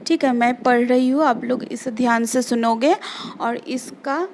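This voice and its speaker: A woman teaching English words to children, slowly spelling them out letter by letter and explaining their meanings. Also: on the high side, darkish tone, a little hiss or hum. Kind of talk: remote English lesson for children.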